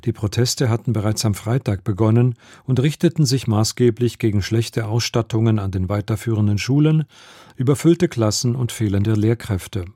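Male newsreader, formal and measured, low mellow voice, dry studio sound. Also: no room sound. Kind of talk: scripted radio news reading. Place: radio studio.

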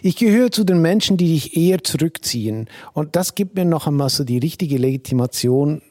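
A man's voice: on the high side, lively intonation, fairly quick, dark tone, no echo, studio quality. A man in his sixties from Switzerland, with a mixed Swiss German accent, answering radio interview questions in a reflective, hesitant way with many restarts. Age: 60s. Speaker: cabaret songwriter, interview guest.

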